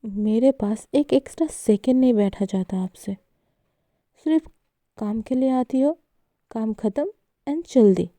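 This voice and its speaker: A hot-tempered young woman who bites back with sharp scolding retorts, as a woman narrator puts her on. The voice is dark and mellow, and the delivery is unhurried. The sound is close and dry. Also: fairly high pitch, dry recording, natural voice. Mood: sulky.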